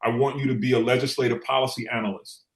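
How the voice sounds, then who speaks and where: A middle-aged New Yorker and former city council member talks quickly as an interview guest, his mid-range voice barely moving in pitch. He tells stories conversationally, repeating phrases for emphasis, in a room with an echoey sound.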